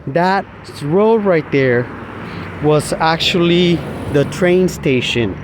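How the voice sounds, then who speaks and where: Slow-talking man rambling on a walk. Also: on the high side, animated, noisy background. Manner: rambling, halting, with many fillers and restarts. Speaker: vlogger. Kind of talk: walking vlog, casual rambling talk. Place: outdoors, walking along a street.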